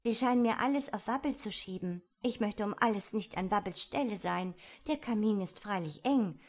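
A woman voicing the young girl Alice, talking to herself in a lively, wondering way. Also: medium pitch, normal speed, natural voice. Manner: lively, wondering self-talk.

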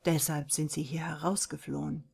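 A woman reading an audiobook, voicing a calm, self-assured young man who teases and coaxes. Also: sits low, normal speed, vocal fry, husky, pitched below the performer's own voice, full character voice. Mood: calm teasing. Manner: calm, teasing, coaxing.

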